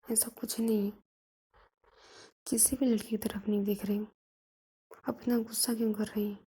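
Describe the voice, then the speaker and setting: A woman voicing a young female student in love, speaking in a soft, coaxing whisper as whispered role-play. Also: mid-range voice, flat delivery, moderate pace, husky. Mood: tender. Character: young woman student, tender pleading lover.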